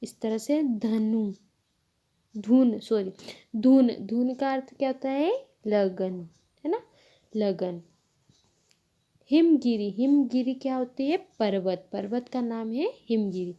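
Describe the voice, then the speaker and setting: A woman teacher slowly walking children through a lesson, explaining each step patiently and correcting herself as she goes. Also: on the high side, dull audio. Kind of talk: Hindi grammar lesson.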